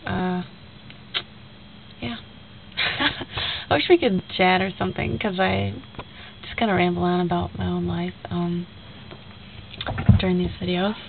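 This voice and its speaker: With a low-leaning, creaky voice and fairly even intonation, a young woman speaks at a measured pace with long pauses, stuffy and nasal from a cold. She casually retells a conversation to a friend in a rambling video message heavy with fillers, recorded tinny and lo-fi with faint hiss.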